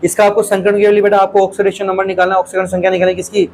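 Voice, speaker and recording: A man's voice: high voice, monotone, rapid-fire, darkish tone, slight background noise, rough recording. A male teacher solves exam questions aloud in a lecture, keeps calling his students "beta", and asks questions and repeats the answers.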